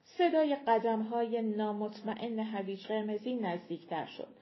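Woman narrating an audiobook, lo-fi. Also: fairly high pitch. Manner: steady storytelling. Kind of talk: scripted narration. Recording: dull lo-fi recording.

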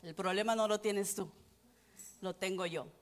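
A woman's voice: medium pitch, fairly even intonation, moderate pace. A middle-aged woman pastor, giving an earnest, confessional testimony sermon. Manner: earnest, confessional, rising and falling with emotion.

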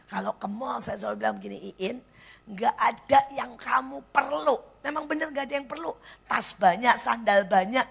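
A woman evangelist with an Indonesian accent preaching a blunt church sermon, dropping to hushed near-whispers and then rising to loud exclaims. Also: mid-range voice, vocal fry, husky. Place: church service.

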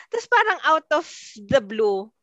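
Woman, podcast co-host, casual storytelling, dramatic, very lively pitch, dry close sound. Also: a little slow, no echo, muffled recording. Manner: animated, dramatic, acts out the messages she quotes. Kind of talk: casual storytelling among friends.

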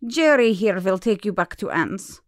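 A woman playing a cool, shrewd shapeshifter pack leader in an audio drama, measured, confident and teasing. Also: medium pitch, animated, dry recording, clean studio sound, lightly acted.

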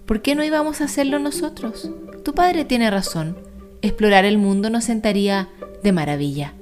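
A woman's voice: medium pitch, lively intonation, normal speed, a little mellow, soft background music, close to an everyday voice. A woman voicing a cautious, fussy mother bat in a storybook reading, talking in a worried, scolding way. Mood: supportive.

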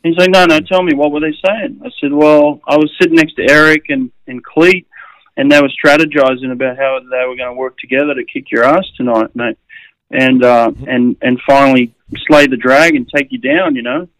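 A middle-aged Australian man tells stories from his swimming days in a casual, animated way, often restarting his sentences. His voice sits in a middle register, and the sound is dry and close with no room echo. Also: medium pitch, moderate pace, creaky. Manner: animated anecdotes with frequent restarts and "uh"s. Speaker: swimming coach and former swimmer. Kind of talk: casual storytelling.

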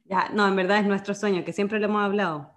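A young woman with a Chilean accent co-hosts a casual podcast chat. She teases her partner and spins plans with dreamy enthusiasm, at an everyday middle pitch. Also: steady tone, fast. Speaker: podcast co-host.

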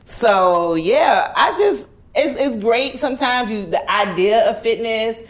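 A woman's voice: fairly high pitch, lively intonation, slow. Enthusiastic woman hosting an interview. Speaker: host. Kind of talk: casual interview.

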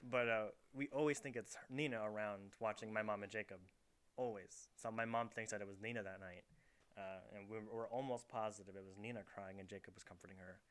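Fast-talking bright young man rambling. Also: on the low side, fairly even intonation, clean tone. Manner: rambling storyteller, heavy on fillers. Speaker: podcast host. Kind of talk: casual chat. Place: his bedroom. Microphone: camera set up in the room.

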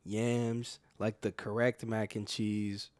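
A man's voice: on the low side, flat delivery, takes it slowly, darkish tone. A man from the American Midwest in casual podcast chat, laid-back and full of fillers and restarts. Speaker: podcast co-host.

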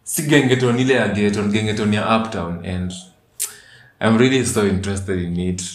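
A man's voice: fairly low pitch, moderate pace. A man with a Kenyan accent hosting a podcast in casual, slangy chat, often repeating words. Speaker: podcast and radio host. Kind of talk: casual chat mixing English and Swahili slang. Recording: roomy echo.

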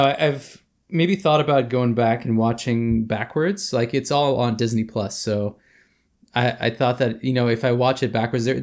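A man in his thirties co-hosts a podcast in casual chat, sounding thoughtful and hesitant and using many fillers. His voice is mid-range with a darkish tone.

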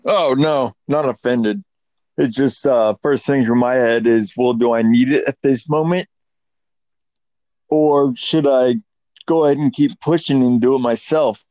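A man's voice: mid-range voice, measured pace, mellow, no echo. A man co-hosting a podcast, talking candidly and reflectively, hesitating and repeating phrases. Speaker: podcast co-host. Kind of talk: candid personal talk.

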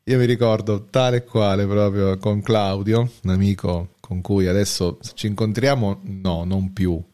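A man's voice: fairly low pitch, normal speed. Middle-aged man, Roman Italian accent, laid-back storytelling co-host. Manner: relaxed, anecdotal, laughing easily. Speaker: podcast co-host. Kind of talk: casual discussion and storytelling.

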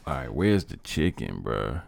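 An American man chatting casually in a slangy, profane, animated frat-bro manner. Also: extremely low pitch, unhurried, creaky, no echo. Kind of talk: casual chat.

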